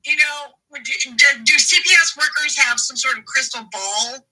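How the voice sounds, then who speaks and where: A woman advocate in an interview, speaking emphatically and indignantly, slowing down to stress key words. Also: high voice, bright, forceful tone, breathy edge, recorded from a distance, rough recording. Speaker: advocate for a family in a custody case. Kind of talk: interview guest, reading court documents.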